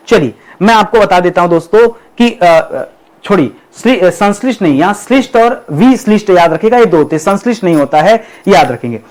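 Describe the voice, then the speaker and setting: A man teaching grammar through quiz questions. He keeps checking in with his students and slows down to spell out each example sentence. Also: sits high. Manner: repeats "ठीक है" and addresses students as friends. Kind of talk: quiz lesson explanation.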